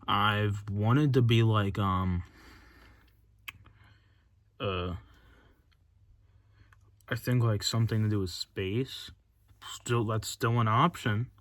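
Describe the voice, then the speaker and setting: A man's voice: lowish voice, takes it slowly, pauses often, dry recording. A teenage male vlogger chatting casually and unscripted inside a closet, hesitant and often losing his thread. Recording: noisy amateur closet recording with clicks.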